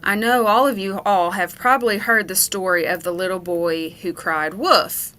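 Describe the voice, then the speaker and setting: Woman, school educator, children's character lesson, bright, clear, keeps asking okay. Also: mid-range voice, fairly even intonation, normal speed. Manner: checks in with "okay?" after nearly every point; patient, explaining, storytelling.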